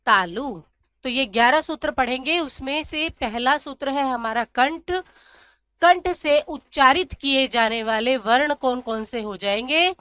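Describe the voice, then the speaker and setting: A woman teaching a grammar lesson, slowly repeating syllables and asking questions that she answers herself. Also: high voice, sharp tone, clear, resonant tone, no echo. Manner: drills syllables slowly, asks and answers her own questions. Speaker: Sanskrit teacher.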